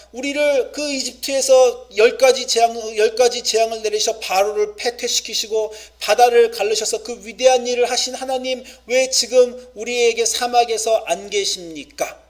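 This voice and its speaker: A man voicing a desperate crowd of wandering Israelites, crying out loudly and pleading to God in a high, raised voice. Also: moderate pace, few pauses. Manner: loud, pleading outcry.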